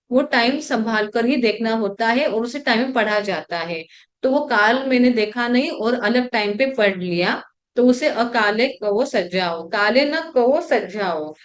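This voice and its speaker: Patient, higher-voiced woman teaching a class. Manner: patient, explains step by step with frequent hmm fillers and rhetorical questions. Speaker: religious class trainer. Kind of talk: online scripture lesson.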